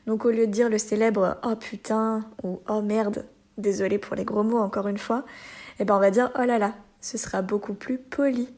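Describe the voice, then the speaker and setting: A woman with a French accent, maybe from Normandy, hosts a lesson podcast, explaining expressions and acting out lively examples with a laugh now and then. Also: mid-range voice, normal speed. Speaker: French teacher.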